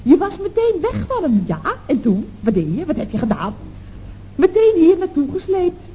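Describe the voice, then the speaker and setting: An actress playing a chatty, gossiping office secretary in a 1960s radio comedy, exclaiming down the telephone. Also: female voice, sits high, big pitch swings, normal speed, dark tone. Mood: gossipy. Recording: dull old radio recording with faint hiss.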